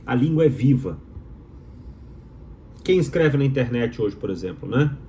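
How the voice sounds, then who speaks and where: A little slow and expressive, his medium-pitched voice has a dark tone, with slight background noise in the recording. This Minas Gerais doctoral student, speaking with a Mineiro Brazilian Portuguese accent, offers viewers an emphatic, rhetorical, opinionated explainer built around repeated key phrases.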